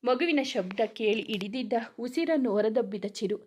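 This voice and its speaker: A woman's voice: fairly high pitch, lively intonation, normal speed, breathy edge. Woman reading a romance serial aloud. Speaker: storyteller.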